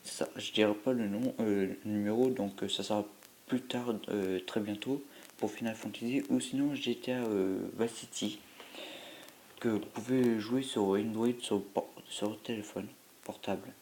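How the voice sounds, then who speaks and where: There's a little hiss or hum behind this lowish, darkish voice, which stays steady and unhurried. Congested with a cold and tired after no sleep, the man gives mobile-game commentary that rambles and hesitates, with plenty of filler sounds.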